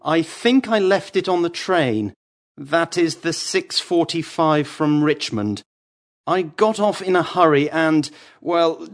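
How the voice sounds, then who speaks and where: A polite, apologetic caller, voiced by a man, leaves a voicemail in a drawn-out, unhurried way. His voice sits a little high, and he pauses and hesitates. It is a scripted recording for a listening test. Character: man leaving a voicemail about a lost bag. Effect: voicemail message left after the tone.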